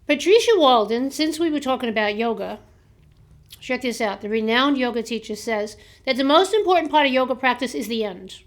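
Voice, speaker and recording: An American woman hosting a book show, chatting casually and reading aloud from books and notes, a little hoarse from a slightly sore throat. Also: high-pitched, expressive. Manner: chatty, laughs at herself, reads aloud haltingly. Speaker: host of a book review show.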